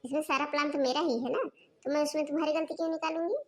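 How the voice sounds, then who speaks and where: A woman's voice: high-pitched, steady tone, very fast, natural voice. A woman voicing a bossy, scheming middle-aged mother-in-law who scolds her daughter-in-law in a cartoon. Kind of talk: cartoon dubbing.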